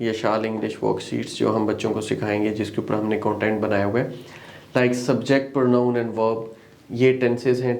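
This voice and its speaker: A man's voice: on the low side, vocal fry, a little mellow. A man presenting an English institute's courses in an explanatory way, switching between Hindi-Urdu and English and checking in with "okay" as he goes. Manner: explanatory, lists items, frequent "okay" checks. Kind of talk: promotional course walkthrough.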